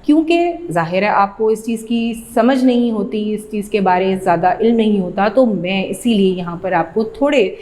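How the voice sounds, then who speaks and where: A woman's voice: mid-range voice, few pauses, a little mellow. A woman teacher, patiently explaining a geography lesson step by step to schoolchildren and repeating key terms. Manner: often checks in with "theek hai".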